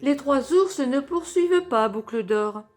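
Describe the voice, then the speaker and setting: A woman reading a children's story aloud as a storyteller, slow and clearly paced. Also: high-pitched, animated, soft background music.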